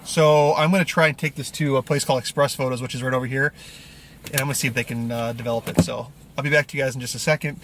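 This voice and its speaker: Man, thirties, mid pitch, casual rambling vlog chat, car interior, camera at arm's length. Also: steady tone, fast talker, fairly bright tone, slight background noise. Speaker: film photography vlogger. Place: inside a parked car. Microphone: camera mic at arm's length.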